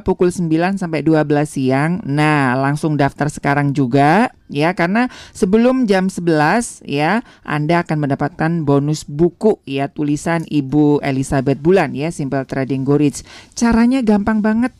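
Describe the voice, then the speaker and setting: Low, clear woman host giving infomercial pitch. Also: darkish tone, dry recording, clean studio sound. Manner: repeats sign-up details slowly and clearly. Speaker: radio host. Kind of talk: infomercial-style promotional announcing.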